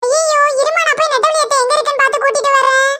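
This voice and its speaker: A very high, squeaky cartoon village boy, loud and excitable, with a Kanyakumari Tamil accent. His tone is bright and cutting, and he keeps crying out in alarm. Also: racing, no room sound. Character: cheeky young village boy. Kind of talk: cartoon voice acting.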